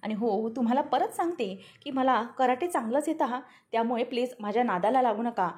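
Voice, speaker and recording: A woman's voice: fairly high pitch, lively intonation, a little fast, darkish tone, lightly acted. A woman voicing a stubborn, feisty young heroine who insists and refuses, in a spoken TV serial recap. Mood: defiant. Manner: defiant, insistent.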